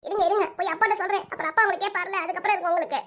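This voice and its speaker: This is a sulky little girl in a cartoon, whining and arguing back as voiced by a woman. Her voice is very high and rushes along at a breathless clip. She has a southern Tamil accent. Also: fairly even intonation, fairly bright tone. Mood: whiny defiant. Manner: whiny, defiant back-talk.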